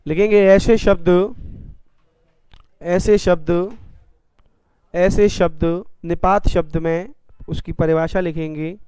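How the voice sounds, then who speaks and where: A man teaching a classroom grammar lesson, dictating slowly and repeating phrases for students to write, with playful everyday examples. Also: high-pitched, steady tone, warm tone, clean tone, no room sound. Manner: addresses students as "beta", jokey examples. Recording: dry, slightly dull classroom recording.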